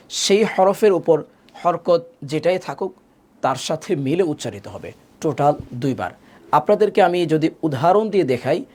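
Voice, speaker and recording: A man teaching a live online Quran class, patiently repeating each rule and asking his students questions that he answers himself. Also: mid-range voice. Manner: slows to spell out letters and vowel marks.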